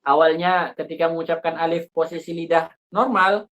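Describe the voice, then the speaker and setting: A man's voice: on the high side, fairly even intonation, moderate pace, a bit bright. A man teaching a recitation class, explaining rules informally with lots of fillers and acted-out vowel examples. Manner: informal, thinks aloud with fillers, demonstrates vowel sounds.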